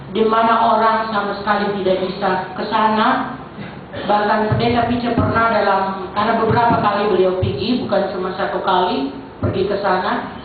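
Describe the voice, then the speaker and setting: A middle-aged woman from Central Sulawesi, Indonesia, who chairs a church council, gives a testimony to her congregation in a mid-range voice and Sulawesi Indonesian accent. She speaks conversationally and addresses them directly. The echoey church hall is captured by a distant mic with a phone-like band and faint noise.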